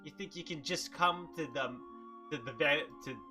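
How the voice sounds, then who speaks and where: A man's voice: on the high side, normal speed, close to an everyday voice. A man voicing a cocky vampiric mist, a talking fog, in a taunting, mock-menacing way for a tabletop game. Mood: taunting, smug. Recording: music playing behind.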